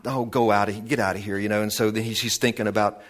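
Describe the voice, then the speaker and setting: A man preaching a sermon, retelling scenes in an animated storytelling way with many restarts. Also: on the low side, fast.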